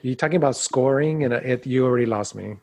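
A man's voice: medium pitch, quick pace, darkish tone. A man co-hosting a casual podcast with dry, self-deprecating humor. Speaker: podcast co-host.

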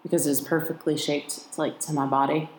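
A woman's voice: sits low, little pitch movement, normal speed, darkish tone, echoey room, slight background noise. A woman from the United States, co-hosting a podcast in casual, joking chat. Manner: joking, chatty. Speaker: podcast co-host.

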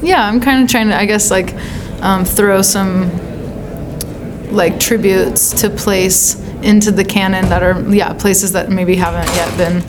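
American woman, informal and thoughtful, mid-pitched. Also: steady tone, measured pace, background noise. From California, United States. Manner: informal, thoughtful, searching phrasing with frequent "like". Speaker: songwriter being interviewed. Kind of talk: casual conversational interview.

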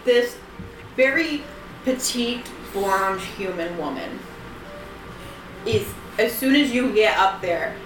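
A woman's voice: medium pitch, lively intonation, takes it slowly, long pauses. A woman narrating a tabletop game casually as game master, in a hesitant, conversational way. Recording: roomy, distant mic, music behind.

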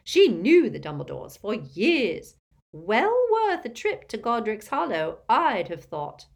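A woman's voice: on the high side, wildly swooping pitch, slow pace, vocal fry, pitched above the performer's own voice, heavily acted. A woman doing a tipsy, testy old aunt. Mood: gossipy. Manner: blunt and testy. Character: tipsy, tactless, gossiping old great-aunt.

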